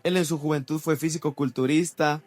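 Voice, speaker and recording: A man, co-hosting a church podcast and telling a personal testimony in a casual, animated way. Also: a little high, brisk, faint music behind. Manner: animated, acts out quoted voices.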